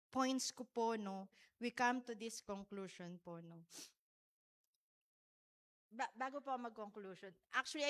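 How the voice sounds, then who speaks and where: A woman at a church service shares a heartfelt message, often checking in with her listeners through tag questions. Her voice is fairly high and fairly bright, and she becomes tearful in places.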